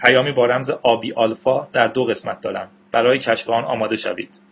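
A man's voice: mid-range voice, creaky, breathy edge. Storybook radio dispatcher, formal and clipped, read by a man; muffled recording. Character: male radio dispatcher over a loudspeaker. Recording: dull lo-fi recording.

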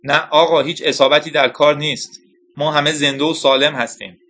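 An excited male colonel exclaims loudly and urgently, voiced by a male audiobook reader. His voice is raised in pitch and louder than the narration, bright and forceful. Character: relieved excited male bomber base colonel.

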